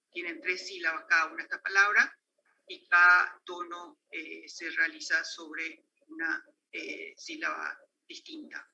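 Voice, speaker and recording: Male lecturer, Paraguayan accent, higher voice, hesitant academic delivery, dull livestream sound. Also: gravelly, pushed and bright. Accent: Paraguayan Spanish. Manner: hesitant, many fillers and restarts. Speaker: conference lecturer on linguistics.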